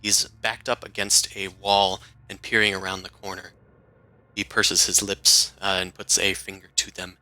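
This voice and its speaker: A man's voice: deep voice, flat delivery, moderate pace, sharp tone, poor audio. A man narrating a tabletop role-playing game as game master in a casual, improvised, conversational way.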